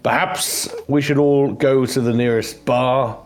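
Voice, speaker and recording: A man's voice: mid-range voice, steady tone, a little slow, soft background music, voice pushed up, close to an everyday voice. A man doing a dignified dragonborn companion. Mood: calm advice.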